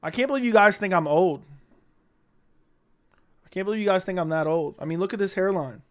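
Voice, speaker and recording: Smooth-voiced young man chatting on a livestream. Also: high voice, brisk. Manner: rambling, profane, answers chat questions. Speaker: livestream host. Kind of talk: casual livestream chat.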